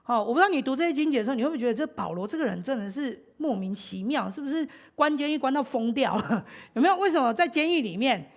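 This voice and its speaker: Woman preacher, Taiwanese Mandarin accent, casual storytelling sermon, fairly high voice. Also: animated, quick pace, hardly any pauses. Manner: chatty, laughs often, many fillers. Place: church.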